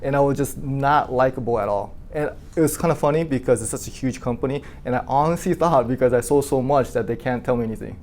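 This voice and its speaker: A man who runs an insurance agency, telling his team a personal story in a lively, casual way, full of "like" fillers and questions to the room. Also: medium pitch, quick pace, hardly any pauses. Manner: animated, asks the room questions, many "like" fillers.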